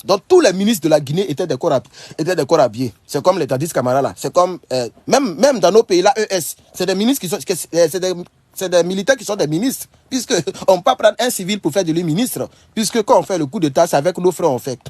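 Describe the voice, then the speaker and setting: A man giving casual, animated commentary to his followers. He repeats himself often and laughs as he talks. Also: sits high, quick pace, dry recording. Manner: animated, repetitive, laughs often while talking. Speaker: online political commentator.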